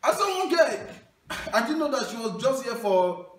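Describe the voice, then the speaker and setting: This young Nigerian stand-up comedian tells stories loudly in a Nigerian accent, breaking into song and shouting his punchlines with lots of animation. His voice is very high and his pace normal. He holds a handheld mic in a small wood-panelled hall and is filmed from across the room, so the sound is distant and echoey.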